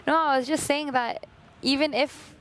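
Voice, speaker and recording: A woman's voice: high-pitched, steady tone, moderate pace. A woman co-hosting a live football show, chatting and laughing easily. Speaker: co-host. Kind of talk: live match chat.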